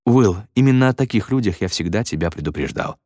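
A man doing a deadpan wry father. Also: on the low side, fairly quick, no echo. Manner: deadpan, dry. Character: dry-witted middle-aged father, deadpan and wry.

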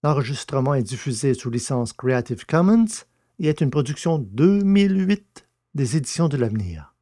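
Mid-pitched male narrator, close dry sound. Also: big pitch swings, normal speed, dark tone, no echo. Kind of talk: scripted narration of science fiction audio drama.

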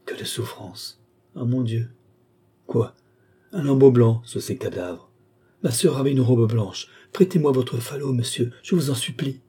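A man's voice: medium pitch, unhurried, mellow, breathy edge, pitched above the performer's own voice. A man reading aloud and playing a young nobleman frantically searching for his sister. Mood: desperate. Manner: resolute, then desperate.

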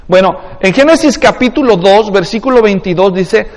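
A man's voice: high voice, expressive, normal speed, big-room sound. A man with a Mexican accent preaching an expository sermon in a conversational way, often asking the congregation questions. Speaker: pastor.

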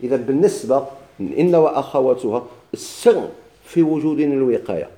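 A man's voice: mid-range voice, lively intonation, a little fast, dark tone, a little hiss or hum. A man with a Moroccan Arabic accent teaching a grammar lesson, asking his class questions and answering them himself while he repeats the key points.

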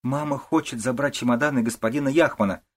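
Male narrator as a timid young mother, quiet and pleading, husky. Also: mid-range voice, quick pace, pitched above the performer's own voice, lightly acted. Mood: firm. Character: young gentle wife and mother.

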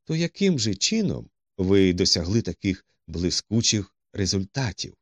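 A man's voice: low voice, big pitch swings, unhurried, no room sound, full character voice. A man voicing Holmes, cool and commanding. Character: cool, dry-witted male detective, adult.

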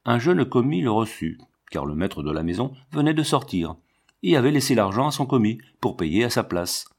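A man narrating a classic storybook chapter in a measured, even reading style. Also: mid-range voice, slightly rough. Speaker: audiobook reader. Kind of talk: scripted narration.

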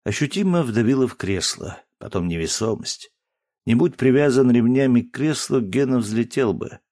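A man reading a science fiction story as scripted narration, in a measured, expressive storytelling manner. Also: lowish voice. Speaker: audiobook narrator.

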